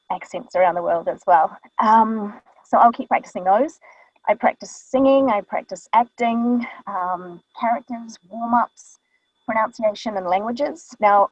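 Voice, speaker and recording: This voice artist guest has a New Zealand accent and a medium-pitched voice, and she chats casually about her work, peppering it with ums. The recording comes from a studio mic in a small vocal booth: dry, dull, and free of room sound.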